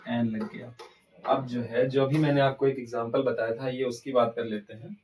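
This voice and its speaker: A man's voice: medium pitch, steady tone, normal speed, far from the mic, noisy background. A man teaching an English grammar lesson, asking questions and answering them himself. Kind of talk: classroom-style grammar lesson.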